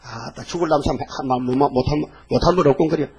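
Older man preaching in a folksy, animated way. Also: on the high side, quick pace, lo-fi sound, very noisy. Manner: animated, folksy preaching with frequent rhetorical "eh?" checks. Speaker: pastor. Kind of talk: sermon.

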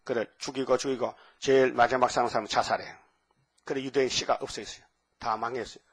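An elderly man in his seventies preaches a sermon in a voice of ordinary pitch. He lingers over scripture verses and fires rhetorical questions at his listeners. Now and then he breaks into loud, forceful bursts. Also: fairly even intonation, breathy edge. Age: 70s. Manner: reads scripture slowly. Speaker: pastor.

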